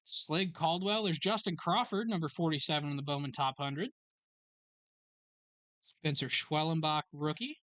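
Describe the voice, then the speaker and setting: This is a live card break at a sports card shop, where the host reads off each pull in an even, no-nonsense rhythm, rattling through card names and numbers. His mid-range voice is bright and forward. The recording is dry and close, with hardly any space around it.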